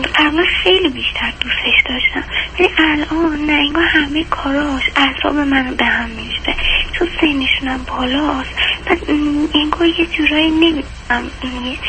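A young woman calling into a radio show, hoarse, speaking softly and hesitantly with many pauses. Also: high voice. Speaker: caller. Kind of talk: radio call-in conversation. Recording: noisy phone line.

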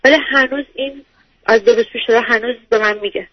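A woman's voice: fairly high pitch, fairly even intonation, no room sound. A woman calling in to an advice show, explaining at length in a hesitant, stammering way. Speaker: caller. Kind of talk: call-in counseling chat. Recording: dull lo-fi phone-line audio.

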